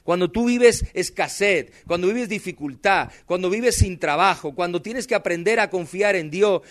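A male pastor, preaching passionately in a high voice. He tells personal stories with dramatic emphasis and speaks straight to his congregation. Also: moderate pace, a bit bright. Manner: impassioned preaching, addresses the congregation directly. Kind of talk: sermon.

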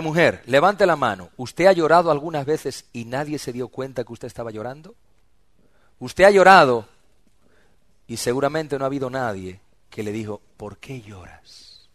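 A man preaching a sermon as pastor, swinging between loud emphatic outbursts and hushed, low asides. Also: dry recording.

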